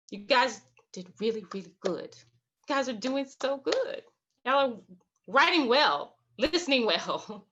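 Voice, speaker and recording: Encouraging woman, bright lo-fi call. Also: fairly high pitch. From Alabama, US South. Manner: warm, encouraging, laughs often, repeats phrases. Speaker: writing workshop facilitator. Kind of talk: guided online workshop teaching. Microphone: video call.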